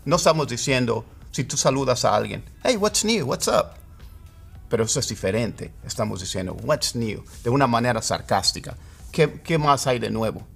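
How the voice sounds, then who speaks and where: A man teaching English idioms. He explains patiently and repeats phrases slowly, word by word. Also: medium pitch, vocal fry, fairly bright tone, faint music behind. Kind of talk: Spanish-language lesson on English idioms.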